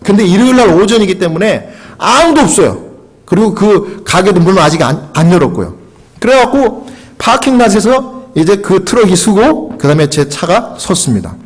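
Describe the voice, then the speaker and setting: Pastor guy telling a sermon story, high voice that jumps all over, acts out his prayers. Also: normal speed, slightly rough. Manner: animated storyteller who acts out his own prayers and shouts.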